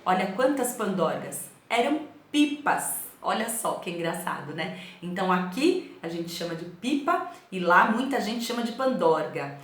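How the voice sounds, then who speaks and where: A middle-aged woman with a São Paulo accent, teaching a remote class and telling stories in a lively way, often asking "né?". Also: on the low side. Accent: São Paulo Portuguese. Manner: storytelling, animated, asks the class "né?". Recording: echoey room.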